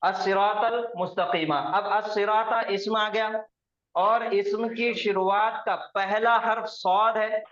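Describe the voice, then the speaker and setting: A man with a high voice teaches a class of students at an unhurried pace, patiently breaking each point into steps. He drills pronunciation by repeating words slowly, over and over. The recording is roomy and dull. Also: steady tone, a bit bright. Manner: patient, step-by-step explaining. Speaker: Quranic Arabic grammar teacher.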